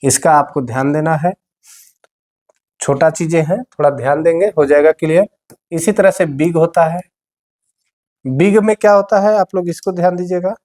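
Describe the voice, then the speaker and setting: High-voiced man teaching grammar. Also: fairly even intonation, moderate pace, pauses often, a little mellow. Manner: explains patiently, repeats words, addresses students directly. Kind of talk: board-exam grammar lesson.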